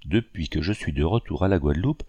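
A man reading an audiobook, voicing a young gentleman who speaks with polite, cold composure. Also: sits low, expressive, a little fast, slightly rough, dry recording, muffled recording, voice pushed down. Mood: cool. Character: young man, cool and formal.

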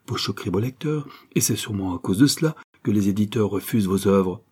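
A man's voice: on the low side, lively intonation, fairly quick, warm tone, husky. Man voicing a proper, reproachful young woman.

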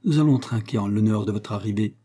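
A man reading the part of a warm young male inventor, exclamatory and friendly. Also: lowish voice, fast talker, slightly rough.

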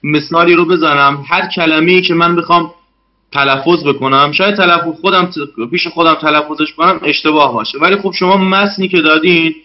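A man's voice: on the high side, steady tone, dull audio. A man, a guest in a casual interview, talking politely about learning a language with many hesitant fillers.

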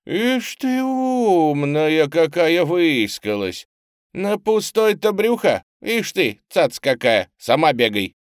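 A hungry street kid grumbles and mocks in a high, drawn voice, as a man puts him on for an audiobook. It sounds slow and set back, dry. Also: very animated, no echo. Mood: grumbling. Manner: grumbling and mocking.

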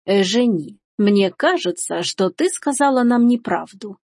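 A stern, shrewd old grandmother who speaks low, slow and measured, voiced by a woman in a storybook reading. Her voice is husky and dry. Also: expressive, darkish tone, no room sound.

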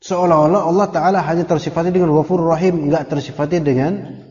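A man's voice: a little high, steady tone, quick pace, a little mellow. Joking male religious teacher, reverberant hall. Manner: joking, conversational, mixes Arabic terms. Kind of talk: casual religious study lecture. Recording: dull lo-fi recording with long hall reverb.

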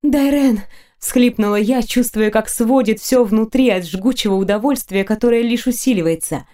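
Mellow woman reading intimately. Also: on the high side, moderate pace. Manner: soft, intimate, sensual reading. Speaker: audiobook narrator. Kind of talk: first-person romance narration.

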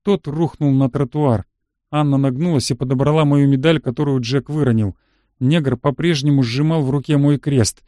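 A man's voice: medium pitch, fairly even intonation, normal speed, mellow, dry recording, studio quality. A man reading a first-person action story aloud in a terse, matter-of-fact manner. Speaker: audiobook narrator. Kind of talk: scripted first-person narration.

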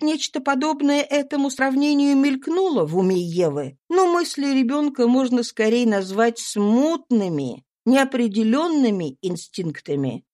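A woman reading a classic novel aloud in even, measured storytelling. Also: a little high. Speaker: audiobook reader. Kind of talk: scripted narration of a classic novel.

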